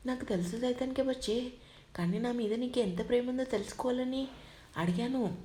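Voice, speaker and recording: A woman's voice: fairly high pitch, a little fast, echoey room, a little hiss or hum, close to an everyday voice. A woman voicing a fiery young wife who answers back sharply in a story reading. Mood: fond. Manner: sharp, challenging retorts.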